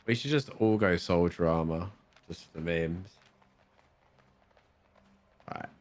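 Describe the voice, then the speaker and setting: A man co-hosting a game stream with a stuffy nose, chatting casually and calling out plays in quick bursts. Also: sits low. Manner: animated, calls out plays in bursts. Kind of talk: casual gaming banter.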